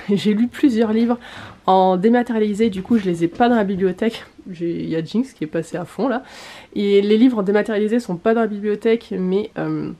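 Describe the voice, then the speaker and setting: Her voice is mid-range with a dark tone as this woman, a book vlogger, casually talks through her books. Fillers crop up often, she clears her throat, and she notes her voice is failing.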